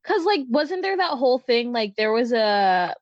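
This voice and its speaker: A woman's voice: on the high side, very animated, normal speed, dry recording. A woman co-hosting a casual chat, playful and teasing with slangy phrasing. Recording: dull lo-fi audio.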